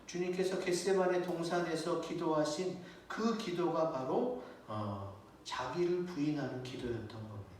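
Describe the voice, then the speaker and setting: A man's voice: fairly high pitch, moderate pace, few pauses, darkish tone, a little hiss or hum. A man preaching a sermon as a pastor, speaking conversationally and asking his congregation rhetorical questions. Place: church sanctuary. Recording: echoey church hall, mic at a distance.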